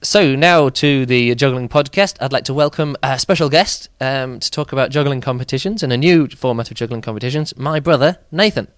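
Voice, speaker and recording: A man's voice: medium pitch, brisk, hardly any pauses, no echo. Outspoken guy rambling on his podcast, lots of ums, dry close mic. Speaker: podcast host. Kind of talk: casual podcast monologue and interview.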